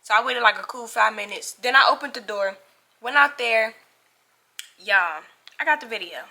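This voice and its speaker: Speaking at a moderate pace with a fairly high voice, a young woman vlogger dramatically recounts a story for her viewers. She keeps it casual and slangy, performing each bit of dialogue along the way.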